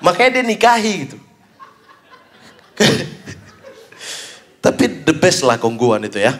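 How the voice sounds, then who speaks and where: A young man doing stand-up comedy, telling stories with animated acted-out voices. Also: a little slow, heavy background noise. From Papua, Indonesia. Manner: animated storytelling, acts out high shouted voices of fans. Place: stage before a live audience.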